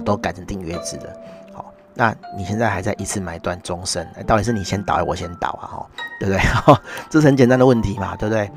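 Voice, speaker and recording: A middle-aged man with a Taiwanese Mandarin accent, hosting a casual monologue and ranting with sarcastic, mocking asides. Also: lowish voice. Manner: sarcastic, mocking rant with constant tag particles. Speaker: podcast host.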